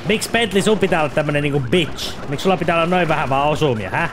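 A young man giving gameplay commentary, excitable, shouting and swearing and mixing in English phrases. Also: fairly high pitch, background noise. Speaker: let's play gamer. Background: game music.

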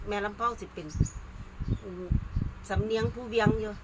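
A woman's voice: medium pitch, normal speed. An older woman with an Isan accent, a mor lam singer chatting casually and breaking into song. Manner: animated, breaks into singing and laughter. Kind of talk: casual chat in Isan dialect with sung mor lam passages. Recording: noisy recording.

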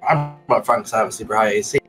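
A man's voice: fairly low pitch, rapid-fire, a bit bright, faint music behind, rough recording. Matter-of-fact man playing a tabletop game. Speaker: player. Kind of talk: casual game chat.

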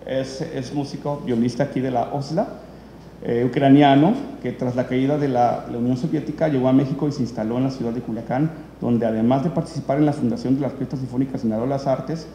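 A man's voice: mid-range voice, fairly even intonation, brisk, mellow. Rambling man in an echoey hall. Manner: rambling, many fillers and restarts. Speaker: event host presenting documentaries. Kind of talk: unscripted spoken introduction at a press event. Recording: echoey hall, faint room noise.

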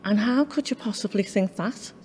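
A woman's voice: mid-range voice, normal speed, darkish tone, long reverb tail, natural voice. A woman acting a dry, sarcastic teacher in a scripted drama scene. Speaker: actor in a scene.

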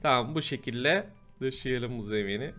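A man giving casual gameplay commentary, chatty and prone to loud, exasperated outbursts. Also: mid-range voice, moderate pace, faint music behind. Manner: chatty, bursts into loud exasperated shouting at mobs. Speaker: gameplay host. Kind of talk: casual Minecraft let's play commentary.

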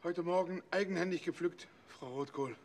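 An actor playing an eager, touchy friend with a theatrical manner in a film comedy. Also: male voice, high voice, moderate pace, a little mellow, a little hiss or hum. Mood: gallant.

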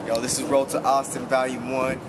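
A man's voice: medium pitch, little pitch movement, fairly quick, very noisy. A man in his twenties from Texas with a New York accent, chatting casually in hyped street slang as he promotes merchandise in a vlog. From Texas, USA. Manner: hyped street slang, fond of 'man' and 'you know'. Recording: loud music over handheld camera sound.

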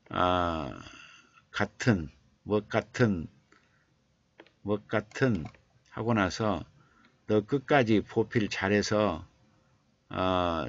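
Male writing teacher, very deep and unhurried, reading a viewer's essay aloud on a live stream. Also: highs cut off. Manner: slow halting reading, repeating phrases while editing; murmured "yes" asides between phrases. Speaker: writing instructor.

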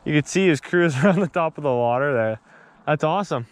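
A young man filming himself fishing on a river shore, chatting excitedly on an action camera with lots of fillers and restarts. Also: fairly high pitch, brisk. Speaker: fishing vlogger. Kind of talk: casual on-the-spot fishing commentary. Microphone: action camera on body.

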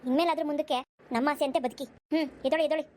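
A woman voicing a haughty middle-aged mother-in-law in a cartoon, sharp and lecturing. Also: high-pitched, fairly even intonation, very fast, close to an everyday voice. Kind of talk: cartoon voice acting.

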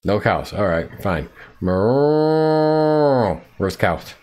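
A man's voice: fairly low pitch, very animated, measured pace, soft background music. A man streaming a survival game live, chatting playfully to himself and to the animals on screen. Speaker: gaming streamer. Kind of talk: live gameplay commentary.

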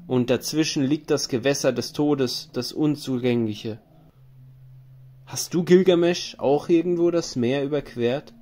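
A man's voice: mid-range voice, unhurried, mellow, natural voice. A man voicing a wise female tavern keeper who gives stern counsel, in a grave, warning recitation.

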